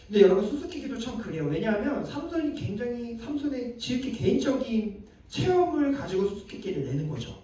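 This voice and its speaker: A man's voice: very high voice, sing-song, fairly quick, hardly any pauses, warm tone. A male pastor preaching to a young adults group, chatting with the audience, putting questions to them and acting out the lines he quotes. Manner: conversational, quizzes the audience and acts out quoted lines. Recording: echoey room heard from a distance.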